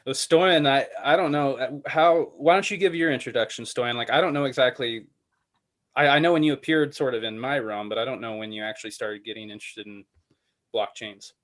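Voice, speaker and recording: A man chairs an online committee meeting in an informal, wandering manner, calling on members while using many fillers and restarting his thoughts. His voice is medium-pitched, steady, fairly bright, and brisk.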